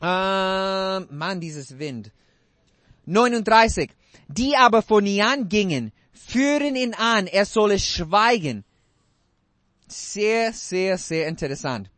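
A man's voice: high voice, a bit bright, no echo. A man preaching a sermon in non-native German with broken grammar, emphatic and asking the congregation repeated questions.

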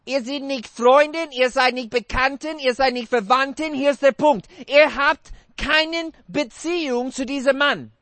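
A man preaching a sermon in halting, non-native German, putting questions to his congregation. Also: very high voice, fairly bright tone, dry recording. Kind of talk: interactive sermon.

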